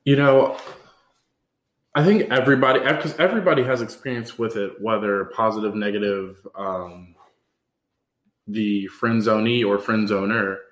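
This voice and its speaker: A man hosts a laid-back podcast conversation, his voice sitting a little low. He rambles easily and leans on fillers like "um" and "like." The room gives his voice a noticeable echo. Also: normal speed. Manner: relaxed, rambling with many fillers. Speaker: podcast host. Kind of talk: casual chat. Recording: roomy echo.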